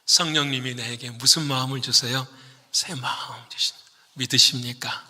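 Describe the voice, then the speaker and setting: A man preaching a sermon as a pastor, asking the congregation questions and answering them, moving from loud exhortation to hushed whispers. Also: medium pitch, steady tone, moderate pace, in a large hall.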